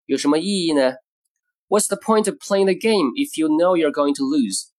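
A man hosting a short English lesson, saying English phrases slowly and explaining them in Mandarin. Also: fairly high pitch, lively intonation, a little mellow. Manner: slow, deliberate model phrases, then explains in Mandarin. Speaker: English teacher. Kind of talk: scripted language lesson.

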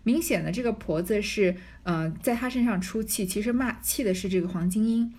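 A woman narrating and explaining a classic novel in a relaxed, conversational way, with casual fillers. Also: medium pitch, fairly quick, slightly rough. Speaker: narrator and commentator. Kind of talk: storytelling commentary on a classic novel.

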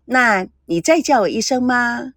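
A woman's voice: a little high, expressive, a little slow, fairly bright tone, no room sound, studio quality. A woman voicing a brash, teasing young woman in an audio story, playful and bossy. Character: brash teasing young Taiwanese woman, cheeky self-styled beauty.

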